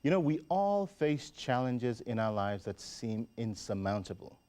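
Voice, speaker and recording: Dark-voiced male TV host. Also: mid-range voice, a little slow. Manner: lively, questioning, acts out viewers' voices. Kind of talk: scripted studio introduction and questions.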